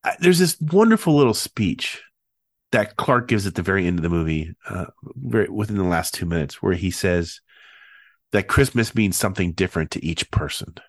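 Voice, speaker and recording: A man's voice: low voice, lively intonation, moderate pace, no echo. A man hosting a casual podcast, sounding nasal and stuffed up with a head cold. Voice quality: nasal, congested voice. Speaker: podcast host.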